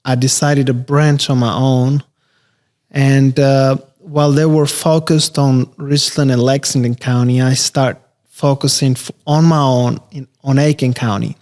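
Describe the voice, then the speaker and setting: A man, a real estate investor talking casually as a podcast guest, relaxed and rambling with many fillers. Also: medium pitch. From Albania. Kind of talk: casual interview conversation.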